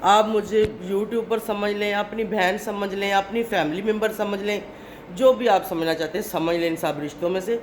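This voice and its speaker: A woman's voice: medium pitch, fairly even intonation, slight background noise. A woman from Pakistan, a family vlogger, speaking straight to camera in an indignant, lecturing way and often tagging her points with "okay?". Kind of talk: to-camera vlog monologue.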